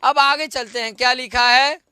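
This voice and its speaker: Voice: sits high, fairly even intonation, moderate pace, bright, forceful tone, smooth, no room sound. A teacher giving an online class, patiently drilling each form aloud, repeating it and quizzing the pupils. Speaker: Sanskrit teacher.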